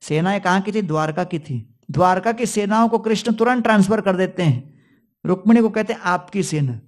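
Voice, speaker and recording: A male preacher recounts scripture in a lively storytelling discourse, weaving in chanted Sanskrit verses and casual English words. His voice sits notably high for a man. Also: fairly quick.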